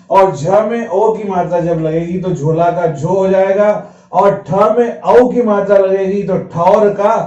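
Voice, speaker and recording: A man's voice: high voice, dark tone. A man teaching a grammar lesson, explaining patiently step by step and asking and answering his own questions. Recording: roomy, dull lo-fi sound.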